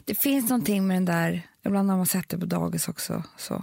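A mother in a casual, emotional conversation, talking haltingly and repeating words when she gets upset. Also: lowish voice, gravelly, a little mellow, dry recording, studio quality. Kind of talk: casual chat.

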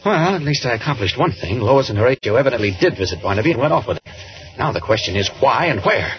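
An actor playing a mild, polite but persistent reporter in a radio drama, questioning hesitantly or thinking aloud. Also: male voice, medium pitch, very animated, fast talker, a little hiss or hum, natural voice. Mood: puzzled, musing. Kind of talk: 1940s radio acting. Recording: muffled vintage radio recording.

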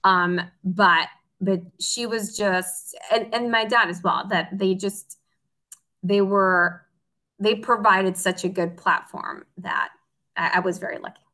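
Earnest woman, bright voice. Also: mid-range voice, steady tone, takes it slowly. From Mexico. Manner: earnest, heartfelt storytelling. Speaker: guest, optical engineer. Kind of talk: casual interview chat.

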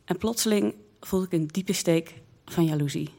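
Woman storyteller, first-person tale, slow lively delivery, slightly low voice. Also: vocal fry.

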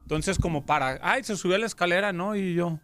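A man with a Mexican accent telling stories in a casual chat, animated and quoting himself in lively asides. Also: high-pitched, brisk, clear, resonant tone, dry recording. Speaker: show co-host.

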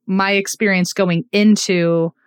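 A woman co-host telling a story in a relaxed chat, self-deprecating and quick to laugh at herself. Her voice sits at a middling pitch. It is recorded close and dry, with no room sound. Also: smooth, dry recording. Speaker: podcast co-host.

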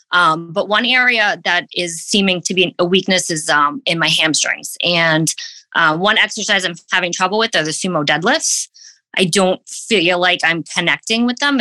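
A woman's voice: fairly low pitch, bright, forceful tone, no echo, low-quality recording. A woman from Massachusetts calling in to a show, asking a question in a hesitant way with many ums. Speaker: caller to a fitness show.

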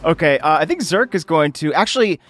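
A man's voice: a little high, lively intonation, a little fast, fairly bright tone. A man joking casually as a player in a tabletop game, full of comic banter.

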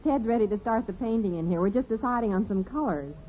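An actress playing a gentle, slightly anxious housewife and mother in a 1950s radio sitcom, speaking softly and hesitantly. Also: on the high side, expressive, quick pace, close to an everyday voice. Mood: fretting. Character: gentle, fussy middle-aged housewife and mother. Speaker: mother of the family. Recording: tinny old radio transcription with faint hiss.

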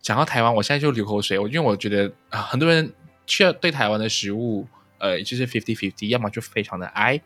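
A man's voice: on the low side, fast talker, a bit bright, soft background music. A man with a Taiwanese accent, hosting a casual conversational interview and dropping in the odd English word. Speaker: podcast host.

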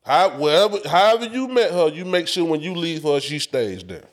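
A man's voice: a little high, animated, fairly quick. A man co-hosting a casual podcast in blunt, profane, slangy bro talk, repeating phrases for emphasis. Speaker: podcast co-host. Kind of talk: casual, profane banter and opinion.

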